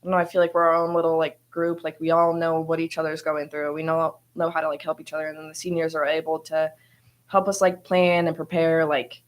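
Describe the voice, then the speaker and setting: Young woman, freshman athlete, slightly low voice, chatty and enthusiastic. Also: level tone, a little fast. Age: young adult. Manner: chatty, frequent "like" fillers, enthusiastic. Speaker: first-year college athlete. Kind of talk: media interview answers.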